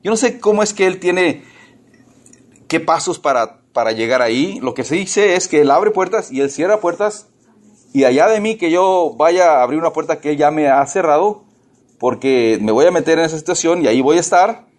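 A male pastor with a somewhat high voice gives a lively, conversational sermon. He speaks straight to the congregation and asks them rhetorical questions. Now and then he slips into the voices of people who complain. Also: normal speed.

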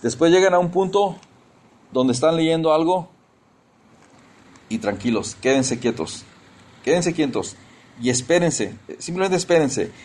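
A man's voice: on the high side, lively intonation, measured pace, pauses often, darkish tone. A man preaching an informal sermon, talking conversationally, asking his listeners questions, stumbling and restarting, and tossing in English exclamations. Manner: conversational, addresses listeners as brothers, asks questions.

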